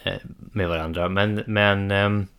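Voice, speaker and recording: A man's voice: fairly low pitch, steady tone, a bit bright, smooth. A man in his thirties, a podcast co-host chatting casually about board games, hesitant with many fillers and restarts. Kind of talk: casual chat.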